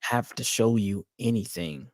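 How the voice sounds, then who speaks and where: A deep-voiced man talking thoughtfully on a podcast, choosing his words with pauses. The sound is dry and close, with no room echo. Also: darkish tone. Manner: reflective, measured, hesitant. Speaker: podcast co-host. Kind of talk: casual discussion podcast.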